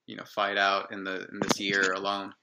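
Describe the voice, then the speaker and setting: A man hosting a podcast, asking relaxed questions and backing the guest with short yeahs. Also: low voice, normal speed, vocal fry, a crowd in the background. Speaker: podcast host. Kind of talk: casual interview. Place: small room indoors. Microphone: earphone headset on video call.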